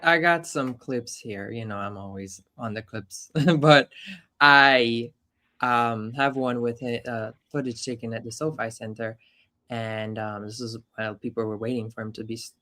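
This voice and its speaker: A man's voice: medium pitch, steady tone, moderate pace, bright, forceful tone. A man co-hosting a casual live-stream chat, easygoing and mostly chiming in briefly. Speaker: co-host.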